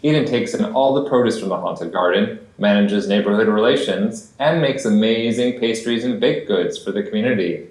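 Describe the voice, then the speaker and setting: A man's voice: lowish voice, normal speed, a little mellow. A man narrating a community stage show in a plain storytelling way. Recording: roomy theater sound.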